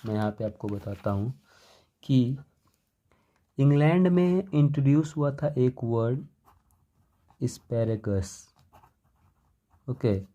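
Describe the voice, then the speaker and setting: Young male teacher, mellow low timbre, slow dictated definitions between casual explanation. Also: expressive, dull audio. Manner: dictates definitions slowly, explains in Hindi-English mix. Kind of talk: exam-focused lecture.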